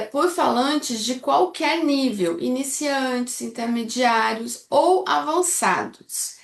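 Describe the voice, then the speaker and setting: A woman's voice: high-pitched, gravelly, a bit bright. A woman from Brazil, an English teacher, explaining a speaking technique step by step and checking in often with her students. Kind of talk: instructional video lesson. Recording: echoey room.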